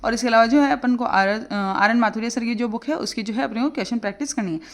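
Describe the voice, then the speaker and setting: Woman tutor, fairly high voice, rapid chatty delivery. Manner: chatty, explains casually with many fillers. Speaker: exam prep tutor. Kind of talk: casual study advice for exam aspirants.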